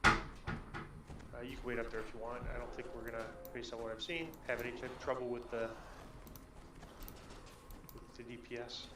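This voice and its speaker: A man's voice: mid-range voice, flat delivery, moderate pace, pauses often. A man casually leading an online game raid, speaking in a polite, somewhat hesitant way. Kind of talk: casual raid coordination chat. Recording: roomy, distant mic with clear noise.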